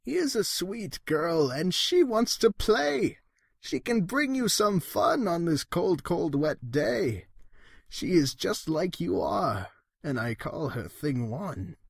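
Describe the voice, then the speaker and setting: A man's voice: fairly high pitch, sing-song, slow, dry recording, studio quality, full character voice. A man voicing a sly, sinister trickster cat in a storybook, falsely reassuring, with theatrical rhyming talk. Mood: slyly inviting. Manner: smooth-talking, theatrical, rhyming.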